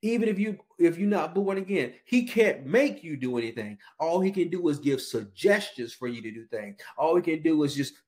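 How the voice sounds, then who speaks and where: A man's voice: a little high, animated, moderate pace, hardly any pauses, a little mellow. A middle-aged man preaching a sermon, leaning on call-and-response and drawing out key words.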